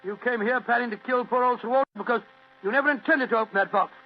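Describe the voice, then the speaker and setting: Blustery English doctor sidekick, high-pitched, loyal, easily amazed, vintage radio play, muffled humming sound. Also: male voice, quick pace. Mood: accusing. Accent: British. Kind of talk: 1940s radio drama acting. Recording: dull, humming old radio recording.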